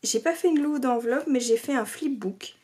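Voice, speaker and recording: A woman's voice: sits high, normal speed, mellow, breathy edge. A woman vlogger chatting casually while showing scrapbooking mail, hesitant with many fillers and sometimes dropping to a near-whisper. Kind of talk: casual craft show-and-tell. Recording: faint background noise and clicks.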